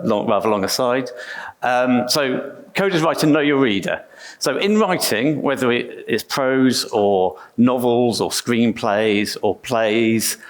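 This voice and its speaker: A middle-aged English man giving a conference talk on stage, chatty and self-deprecating, with frequent restarts. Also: mid-range voice. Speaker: conference speaker.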